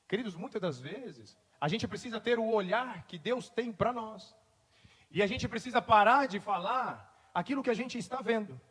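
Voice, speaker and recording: In a church hall that gives long reverb, a pastor's sermon shifts from relaxed storytelling into forceful declarations. His voice sits high, a bit bright and slightly rough, at a moderate pace.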